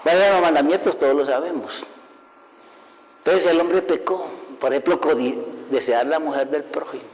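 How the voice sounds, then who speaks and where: A man preaching a sermon as an evangelist, lively and full of rhetorical questions, laughing at his own stories. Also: on the high side, normal speed. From Colombia. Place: church hall. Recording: long hall reverb.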